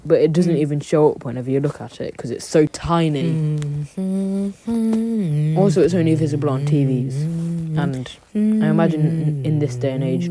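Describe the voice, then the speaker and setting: Low-voiced woman with a sore throat. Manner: joking, self-deprecating asides. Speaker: video creator narrating own drawing. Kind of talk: casual chatty process commentary.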